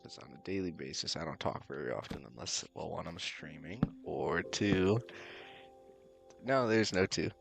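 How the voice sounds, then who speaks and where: A man chatting casually while streaming a building game, relaxed and rambling, his voice slightly worn. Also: sits low, moderate pace, gravelly, music in the background. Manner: relaxed, rambling, laughs softly to himself. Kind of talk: casual live-stream chat. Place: at home late at night. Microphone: desk mic with cord.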